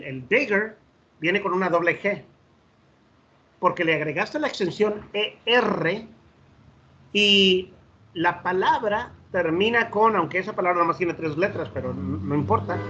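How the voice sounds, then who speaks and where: A man's voice: fairly high pitch, sharp tone. A man with a Mexican Spanish accent teaching an online English lesson, explaining grammar with many fillers and repeated words, switching between English and Spanish. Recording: slightly dull audio with faint noise.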